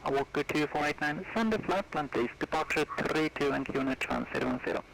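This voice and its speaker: A man's voice: on the high side, fairly quick, gravelly, fairly bright tone. A man working as an air traffic controller, speaking clipped radio phraseology heard over a radio channel. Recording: noisy radio transmission.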